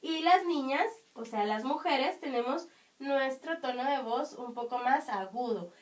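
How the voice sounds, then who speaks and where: A woman teaching young children, explaining patiently with many checking questions, her high voice strong and carrying. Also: lively intonation, a little slow, far from the mic. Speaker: primary school teacher. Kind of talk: online class for children.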